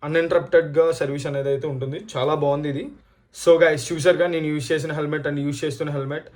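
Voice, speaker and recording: Speaking very fast in a level tone, this Indian vlogger has a high-leaning, slightly mellow voice and a Telugu accent. He casually reviews a product and tells stories to viewers, frequently switching between Telugu and English phrases.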